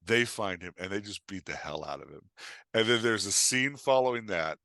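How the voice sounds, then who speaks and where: A middle-aged author and writing coach explains ideas and tells stories in an animated, conversational way, emphatic and opinionated. His voice is on the low side with lively intonation, a sharp tone and a moderate pace, recorded with no room sound.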